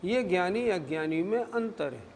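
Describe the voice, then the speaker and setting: A man's voice: high-pitched, expressive, moderate pace, gravelly, darkish tone, in a large hall, slight background noise. A man giving a scriptural discourse as a religious scholar, explaining patiently and answering his own questions.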